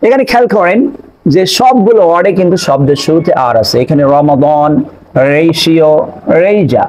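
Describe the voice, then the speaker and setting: A man teaching English pronunciation in an online lesson, explaining step by step and repeating examples slowly. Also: fairly high pitch, lively intonation, darkish tone, poor audio.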